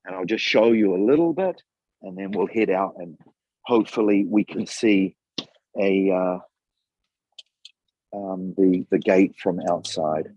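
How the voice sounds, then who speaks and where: A man guiding a live walking tour outdoors over a video call, his audio choppy and cutting in and out, talking haltingly with fillers. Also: mellow, dry recording. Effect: choppy connection cutting in and out. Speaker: tour guide. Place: outdoors at an archaeological site. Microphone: phone camera held while walking. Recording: muffled low-bandwidth mobile stream.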